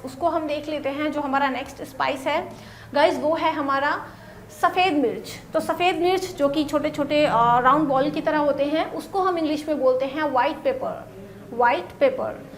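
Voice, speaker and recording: A woman teaching vocabulary in a casual lesson, saying each word and then repeating it slowly for pronunciation. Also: high-pitched. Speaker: English teacher.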